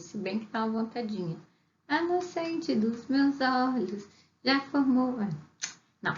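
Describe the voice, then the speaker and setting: A woman teaching a literature class, chatty and lively, often checking in with her students. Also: a little high, roomy sound, dull audio. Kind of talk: online class lecture.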